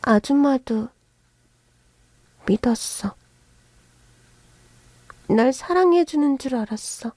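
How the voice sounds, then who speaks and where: Woman doing a soft, childlike hurt young wife. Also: sits high, expressive, slow pace, long pauses, no room sound, pitched above the performer's own voice, heavily acted. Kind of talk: narrated story with acted voices.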